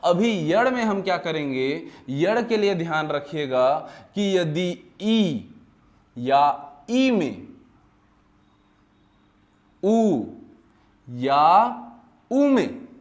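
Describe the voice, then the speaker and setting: Here a Chhattisgarhi man teaches grammar in a high, expressive voice and Chhattisgarh Hindi accent. He keeps quizzing himself aloud and supplying the answers, circles back to the important terms, and draws his words out slowly whenever he explains something in detail.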